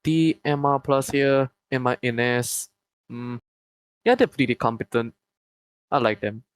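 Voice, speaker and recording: A man's voice: mid-range voice, expressive, clear, resonant tone, no room sound, low-quality recording. A young man talking through casual interview answers in a mid-range voice. He hesitates often, restarting phrases and trailing into fillers. The sound is dry and close, with almost no room around it. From Malaysia. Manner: hesitant, many pauses and restarts. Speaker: group owner answering interview questions.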